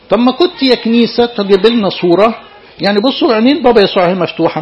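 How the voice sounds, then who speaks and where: Egyptian priest guy preaching to a youth group, talks quick and keeps quizzing them. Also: high-pitched, muffled recording. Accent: Egyptian Arabic. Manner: lively, keeps questioning his listeners. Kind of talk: interactive sermon.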